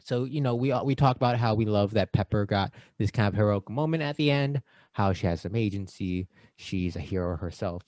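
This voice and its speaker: A man co-hosting a podcast in casual chat, playful and quick to act out lines. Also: on the low side, a little mellow, dry recording. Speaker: podcast co-host.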